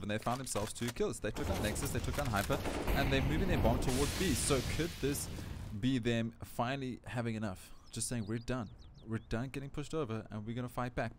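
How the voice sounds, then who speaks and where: A man with a South African accent doing play-by-play esports commentary, excitable and climbing in pitch at big plays. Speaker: esports caster. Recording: noisy stream audio with game gunfire. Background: game gunfire and clicks.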